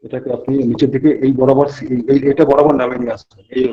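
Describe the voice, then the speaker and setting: A man teaches students at a hospital bedside, rattling through explanations at a brisk clip. He stops often to check that they follow and to coach the patient. The recording sounds muffled and lo-fi. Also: medium pitch, level tone. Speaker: medical lecturer. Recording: dull lo-fi recording.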